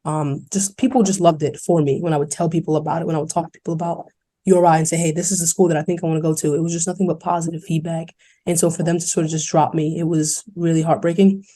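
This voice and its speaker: A young woman from New York City, a college basketball player, telling her story in an earnest, fast-flowing way on a podcast interview. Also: deep voice. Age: young adult. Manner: earnest, fast-flowing, quoting others in lively voices.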